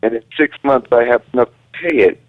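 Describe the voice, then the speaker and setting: A man's voice: medium pitch, dry recording. Man on a breaking-up phone line. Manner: polite, plain-spoken, halting. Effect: phone line breaking up, voice cutting in and out. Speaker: caller. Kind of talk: call-in radio conversation. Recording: tinny phone line cutting in and out.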